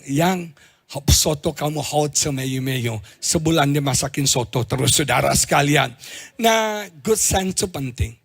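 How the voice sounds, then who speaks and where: A middle-aged man with an Indonesian accent preaching a sermon as a pastor, telling stories with sudden loud exclamations and low asides. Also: gravelly. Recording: live church stream with faint music behind.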